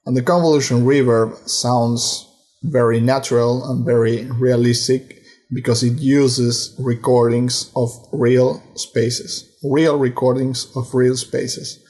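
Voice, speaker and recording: Student voice-over: man, slow careful explainer, monotone delivery. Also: mid-range voice. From Brazil, raised in Argentina. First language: Portuguese and Spanish. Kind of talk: recorded lesson voice-over.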